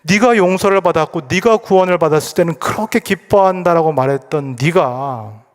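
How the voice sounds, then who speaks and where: A male pastor voicing God as a calm figure who gently questions and reasons, in a reverberant church hall. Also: fairly high pitch, lightly acted.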